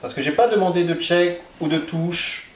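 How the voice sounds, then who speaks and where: A dog trainer with a slightly higher male voice speaks calmly and steadily at a moderate pace. Indoors at home, he explains the exercise and gives short, firm commands. The room is echoey.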